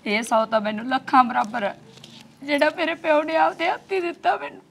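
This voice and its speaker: Actress: tearful young married daughter, high-pitched, pleading, crying throughout. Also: female voice, expressive, a little fast, vocal fry, fairly bright tone, exaggerated voice. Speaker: daughter visiting her father.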